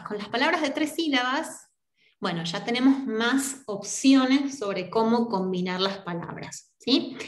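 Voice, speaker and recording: A woman's voice: mid-range voice, roomy sound. An Argentine woman teaching a university class, explaining step by step and often checking in with her students. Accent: Argentine Spanish. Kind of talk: online lecture.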